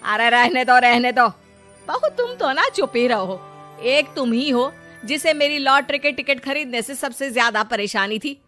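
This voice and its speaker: Shrill bossy cartoon saas, woman voicing her bright high voice, music under it. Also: animated, a little slow, full character voice. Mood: scolding. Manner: loud, bossy, gleeful. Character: excitable lottery-mad mother-in-law. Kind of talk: animated cartoon voice acting.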